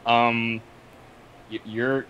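A man chatting on a voice-chat stream, easygoing and quick to giggle. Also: medium pitch, flat delivery, highs cut off, slight background noise. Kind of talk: casual voice-chat banter.

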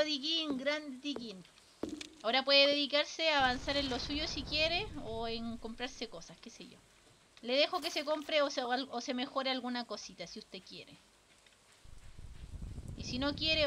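A woman's voice: high voice, pushed and bright, slight background noise. A young woman with a Chilean accent, casually commentating a live game stream, chatting with viewers and swearing freely.

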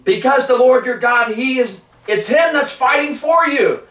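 This street preacher, a man in his forties, has a very high, slightly bright voice with lively intonation and a measured pace. He reads from scripture during a fervent sermon in a living room with wood paneling, recorded by a distant camera that gives the audio a roomy quality.

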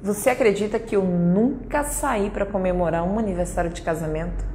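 A woman's voice: mid-range voice, fairly quick, a little mellow. Emphatic Brazilian woman in an echoey hall. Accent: Brazilian Portuguese. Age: 30s. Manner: emphatic, blunt and repetitive. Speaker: conference speaker. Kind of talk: motivational conference talk. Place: conference hall. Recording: echoey hall, faint noise.

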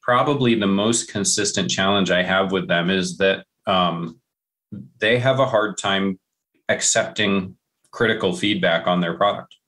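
A man with a fairly low voice talks as a guest on a casual podcast. He is passionate and emphatic and repeats key phrases for stress. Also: a little slow, fairly bright tone.

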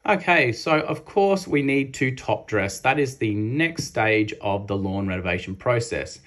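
A man's voice: mid-range voice, expressive, measured pace, a bit bright. A man in his thirties with an Australian accent, a lawn care host giving a practical step-by-step voice-over with casual fillers. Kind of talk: instructional voice-over.

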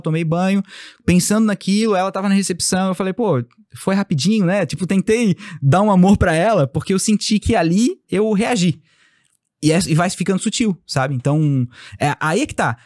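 A man being interviewed as a company founder, telling a casual story with animated delivery and acting out bits of dialogue. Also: high-pitched, no echo, clean studio sound. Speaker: podcast guest, company founder.

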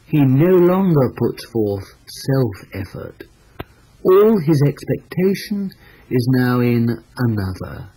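A man reading a devotional book aloud in an expressive, emphatic way, slowing down on key phrases. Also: mid-range voice, slightly rough, rough recording.

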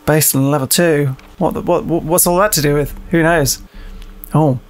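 Playing the game himself, a gaming show host keeps up chatty, joking commentary, cursing and mumbling under his breath. He has a higher voice with fairly even intonation and a moderate pace.

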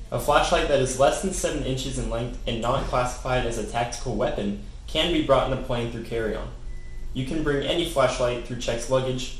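Young male company presenter, mid-pitched, evenly read script, very roomy echo, light hiss. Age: young adult. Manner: even, read-from-script delivery. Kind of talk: scripted product explainer. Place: office room with desk. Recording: very echoey room, faint hiss.

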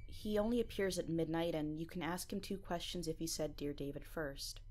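A woman voicing a mysterious young girl from a dream, delivering a solemn warning in a low voice. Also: fairly quick, darkish tone. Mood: ominous.

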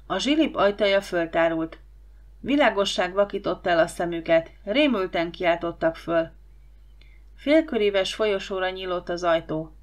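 Woman reading an audiobook. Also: lowish voice. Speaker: audiobook reader. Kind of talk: scripted audiobook narration.

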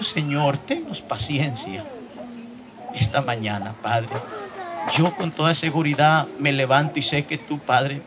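A man's voice: medium pitch, background noise. A man leading a fervent spoken prayer in church, pleading and at times crying out, originally from Latin America. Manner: pleading, crying out, rising to shouts.

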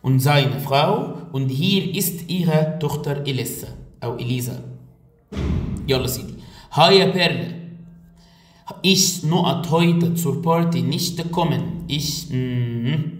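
Male teacher, Egyptian Arabic accent, mid pitch, playful review lecture, roomy off-mic sound. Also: far from the mic. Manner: lively, jokey, switching between German and Arabic. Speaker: German teacher. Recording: echoey room, voice a bit off-mic.

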